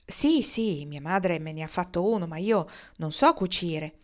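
A woman's voice: fairly low pitch, expressive, unhurried. A woman reading flustered young pioneer girl. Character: earnest, easily flustered young woman traveler.

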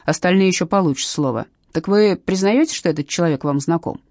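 A woman's voice: lowish voice, a little fast, a little mellow, no room sound, clean studio sound, close to an everyday voice. A woman voicing a stern, sarcastic female police captain who barks her questions. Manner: curt, barking, mocking.

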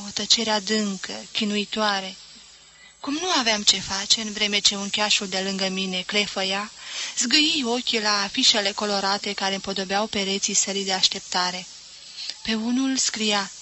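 A woman reading a novel aloud as an audiobook, in measured, even storytelling. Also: mid-range voice, rough recording. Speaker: audiobook reader. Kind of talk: literary audiobook narration.

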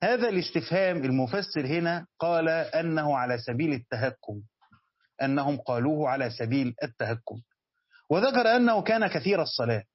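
Egyptian guy teaching quran commentary class, talks super fast, kinda husky, asks the students stuff then answers it himself, muffled lo-fi audio. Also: fairly high pitch, expressive, no echo. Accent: Egyptian Arabic. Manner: explains by asking students questions and answering them. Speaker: religious teacher.

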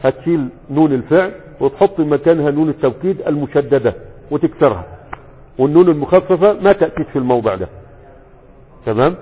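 Egyptian sheikh teaching grammar, echoing hall. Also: male voice, a little high, husky. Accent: Egyptian Arabic. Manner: asks questions and answers them himself, drawls example words slowly. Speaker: sheikh teaching Arabic morphology. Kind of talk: classroom lesson. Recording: phone-like sound with long reverb.

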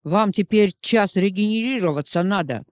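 A stern male vampire, voiced by a woman reader, commanding and firm as he breaks up a brawl. The voice has a middle pitch and a dry, close sound. It comes from a spoken storybook. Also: moderate pace, no echo, close to an everyday voice.

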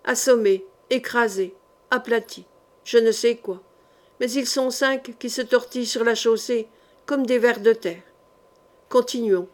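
Woman reading as a coolly calm knight. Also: fairly high pitch, close to an everyday voice. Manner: quiet, unhurried, dry. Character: calm, fearless male knight, coolly ironic.

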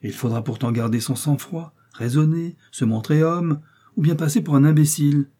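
A pompous middle-aged pharmacist scolds and lectures at length in a wordy, self-important way, as a male narrator puts him on. The voice sits higher than the narrator's own but keeps a dark, husky tone. It is a storybook reading. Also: normal speed. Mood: scolding.

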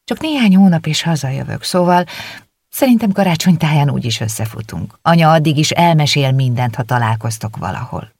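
A reader voicing an earnest, shy teenage girl in an audiobook, with a husky tone. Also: medium pitch, lively intonation, a little mellow, no echo.

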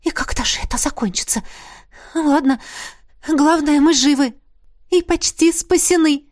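A woman voicing a frantic young queen who keeps pleading and praying in a high, strained voice. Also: quick pace, a bit bright, dry recording, studio quality. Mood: relieved. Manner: pleading, breathless, high-strung.

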